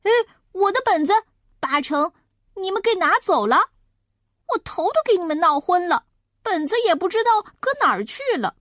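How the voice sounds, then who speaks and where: A woman's voice: sits high, sing-song, unhurried, a bit bright, dry recording, clean studio sound, pitched above the performer's own voice, full character voice. A woman doing a fretful, whiny schoolboy. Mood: flustered. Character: impatient, careless schoolboy.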